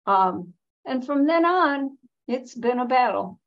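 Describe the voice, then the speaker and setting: An elderly American woman, seventies or older, speaking as an interview guest in a reflective, emphatic, deliberate way with pauses mid-sentence, on a slightly dull recording. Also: high-pitched, animated. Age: 70s or older. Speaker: interview guest, veteran feminist activist.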